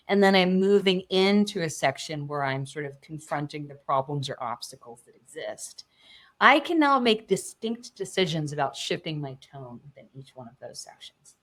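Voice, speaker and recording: A woman coaching public speaking on a podcast, her slightly low voice sliding lively across a wide range. She talks in an expressive, animated way and changes her tone often.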